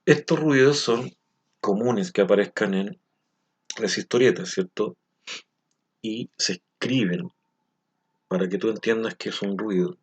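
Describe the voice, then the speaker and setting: This recorded language lesson for children features a man whose voice sits on the low side and sounds slightly rough. He's patient and slow in his explanations, regularly asking whether the listener is keeping up.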